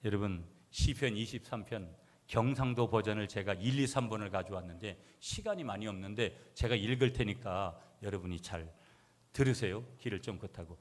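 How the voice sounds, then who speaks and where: Korean pastor preaching in a reverberant church. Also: male voice, fairly low pitch, moderate pace. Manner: reads a psalm in broad dialect for humor, then preaches emphatically. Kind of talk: sermon. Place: church sanctuary. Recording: long hall reverb of a church.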